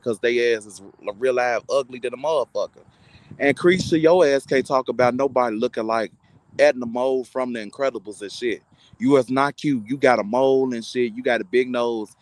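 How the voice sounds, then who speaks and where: A man's voice: mid-range voice, steady tone, a little fast, dry recording, poor audio. A content creator, a man, delivering a heated, insulting, mocking rant to his online audience.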